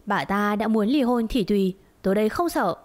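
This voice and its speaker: A woman voicing a harsh, callous middle-aged husband, speaking in a gruff, dismissive way in a storybook tale. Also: mid-range voice, fairly quick, darkish tone, close to an everyday voice.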